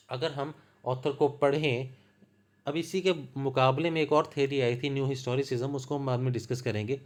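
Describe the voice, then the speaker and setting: A man with a Punjabi accent teaches in a calm, unhurried lecture voice at a mid-range pitch. He works through each idea with small examples and repeats key points patiently. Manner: slow, patient, explains with examples. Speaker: literature lecturer. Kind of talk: explanatory lecture.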